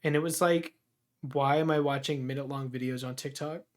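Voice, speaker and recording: A man's voice: medium pitch, fairly even intonation, fairly quick. A young man chatting casually on a stream, laid-back, leaning on "like" and "dude" while grumbling about apps. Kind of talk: casual chat.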